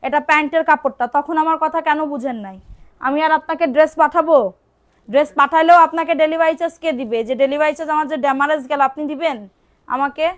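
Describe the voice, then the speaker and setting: A woman selling clothes on a live stream, repeating prices and urging viewers to order quickly, and sometimes scolding commenters. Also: high voice, steady tone. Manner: brisk, repetitive, urging buyers to order fast. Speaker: online clothing seller. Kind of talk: live-stream sales pitch.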